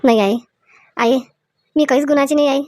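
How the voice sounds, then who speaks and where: In a comic skit, a woman plays a tearful, defensive young daughter-in-law, pleading in a high, slightly mellow voice at a moderate pace and repeating her words of address. The recording is close and dry with no echo, near an everyday voice.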